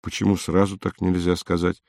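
A man voicing a curious, eager young trainee who is quick to get indignant, in a storybook reading. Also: low-pitched, little pitch movement, creaky, a little mellow, no echo, clean studio sound.

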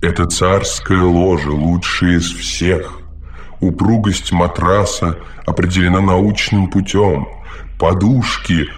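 Male reader playing a smothering robot caretaker, very low voice, preachy, audiobook. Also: fairly even intonation, slow pace. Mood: fussy. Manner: solicitous, lecturing, talks too much. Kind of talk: audiobook reading.

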